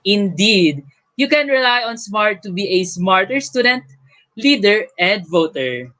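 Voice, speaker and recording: A man's voice: high voice, bright, forceful tone, low-quality recording. A young man with a Filipino accent co-hosts a scripted online event, announcing giveaways in an upbeat way. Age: young adult. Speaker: event co-host, student raffle announcer.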